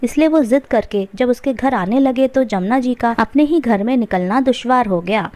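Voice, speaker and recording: Woman narrating a story, mellow. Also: fairly high pitch, no echo.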